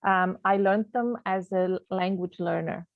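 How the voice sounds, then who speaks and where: Patiently walking through a grammar lesson online, a Canadian teacher whose first language isn't English uses frequent fillers and restarts. She speaks at medium pitch with fairly even intonation and normal speed, over tinny, phone-like call audio that's dry with no room echo.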